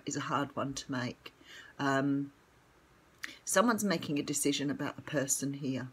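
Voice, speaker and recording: An older Australian tarot reader rambles casually through a reading at home, with lots of ums. Her voice is low and croaky, as if it's morning, and the recording quality is poor.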